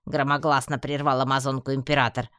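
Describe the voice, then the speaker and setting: A man narrating a fantasy audiobook in the first person, in an even storytelling manner. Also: medium pitch, a little fast, clear, resonant tone, no room sound, clean studio sound. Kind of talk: scripted narration.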